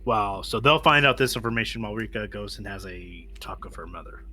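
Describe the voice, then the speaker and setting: A man with a fairly low voice and a bright, forceful edge. He plays a tabletop game, narrating and chatting informally, swearing and correcting himself as he goes. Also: animated, fairly quick. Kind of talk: casual tabletop session chat and narration.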